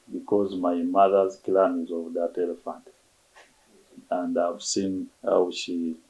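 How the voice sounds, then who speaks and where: A man speaking unscripted in an interview as a park official, reflective and halting. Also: low voice, gravelly, darkish tone, low-quality recording.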